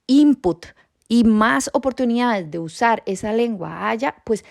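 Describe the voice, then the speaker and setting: A woman hosting a podcast on raising bilingual children, explaining calmly and speaking straight to parents. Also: fairly high pitch, measured pace, gravelly. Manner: calm, explanatory, addresses parents directly. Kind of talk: informative podcast talk.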